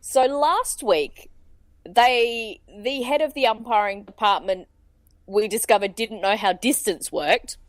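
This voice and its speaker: A woman co-hosting a podcast in casual chat, animated and indignant. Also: on the high side, slow, no room sound. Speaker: podcast co-host.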